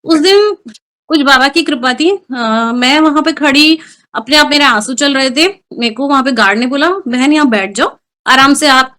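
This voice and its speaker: A woman's voice: high-pitched, normal speed, bright, forceful tone. A middle-aged woman earnestly recounting personal experiences in an interview, mixing English words into her speech. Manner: emotional, earnest storytelling with Hindi-English mixing. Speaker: guest.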